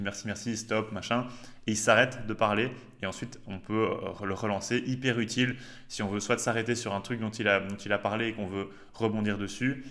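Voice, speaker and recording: Chatty man with a low voice. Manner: relaxed, chatty, slangy with frequent hesitations. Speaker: host. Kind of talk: casual tech demo to camera.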